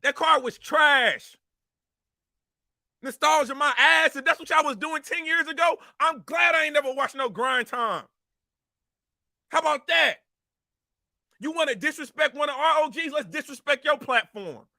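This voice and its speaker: Fired-up man ranting, high bright voice. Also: normal speed, no room sound, clean studio sound. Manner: angry, repetitive, confrontational. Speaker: commentary show host. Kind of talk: heated rant to camera.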